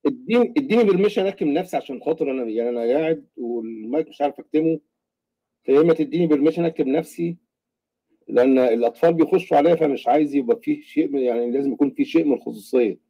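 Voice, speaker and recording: A man with an Egyptian accent calling in to a live debate, talking in a halting, explanatory way over a muffled home mic. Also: on the high side, gravelly, breathy edge, dry recording. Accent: Egyptian Arabic. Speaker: caller.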